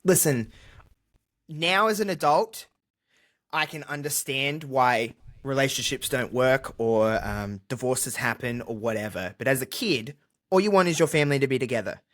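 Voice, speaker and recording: A self-deprecating Australian man chats openly as a podcast guest in an easygoing interview, cracking jokes along the way. His mid-range voice is expressive and a bit bright, moving at a moderate pace.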